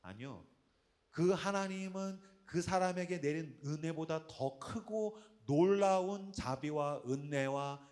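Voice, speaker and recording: A man preaching an evening sermon to young adults. He talks in an emphatic, conversational way and keeps asking the audience questions. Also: fairly high pitch. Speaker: pastor.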